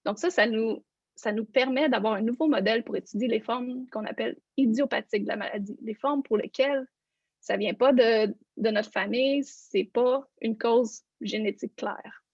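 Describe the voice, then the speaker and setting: A woman gives a lecture online, explaining her slides step by step. Her fairly high voice has a gravelly, breathy edge. The sound is dry and a bit dull, like lo-fi video-call audio. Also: moderate pace, a little mellow, no room sound. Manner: explanatory, walks listeners through slides. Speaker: neuroscience researcher giving a lecture.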